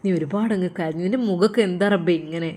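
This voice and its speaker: A woman voicing a young man's loyal friend who soothes and coaxes him in a gentle voice. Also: fairly low pitch, fast, natural voice. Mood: consoling. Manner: soothing, coaxing.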